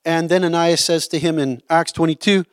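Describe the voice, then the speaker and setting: A man's voice: a little high, fairly even intonation, a little fast, smooth, no room sound, clean studio sound. A man teaching a Bible study, explaining a passage in a conversational way and often checking in with "right?".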